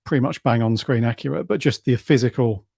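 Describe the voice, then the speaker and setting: An easygoing man co-hosting a fan podcast, enthusiastic but relaxed. His voice is warm and mellow. The recording is dry and close. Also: mid-range voice, a little fast, vocal fry, slightly rough, dry recording. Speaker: podcast co-host. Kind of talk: casual chat.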